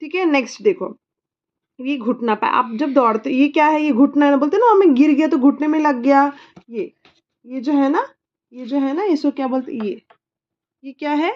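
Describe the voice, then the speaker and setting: A woman's voice: high-pitched, moderate pace, dull audio. A woman teaching her child English body words, patiently repeating each word and spelling it letter by letter. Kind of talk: slow spelling lesson.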